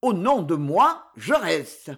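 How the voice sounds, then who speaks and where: A narrator voicing a defiant, swaggering male knight who shouts insults and battle cries at his attackers in an audiobook reading. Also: medium pitch, sing-song, drawn-out words, breathy edge, exaggerated voice. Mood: bellowing scorn.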